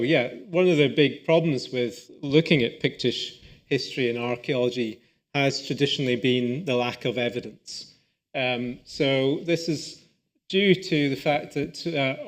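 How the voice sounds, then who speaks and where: A Scottish man, a professor of archaeology, giving a relaxed public lecture with lots of "uh" and "um" and restarted phrases. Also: medium pitch. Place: lecture hall.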